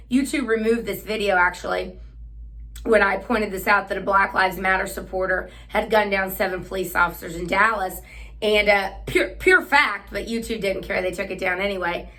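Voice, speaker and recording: A woman's voice: medium pitch, moderate pace, pushed and bright. A woman hosting a political commentary monologue, talking in a sarcastic, combative way. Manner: sarcastic, combative, with frequent fillers and restarts. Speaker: host.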